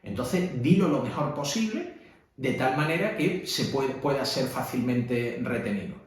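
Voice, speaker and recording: A man's voice: mid-range voice, expressive, measured pace. A man with a Spanish accent, a priest teaching how to read at mass, in a conversational way with frequent tag questions. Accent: Spanish (Spain). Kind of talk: instructional talk. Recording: echoey room.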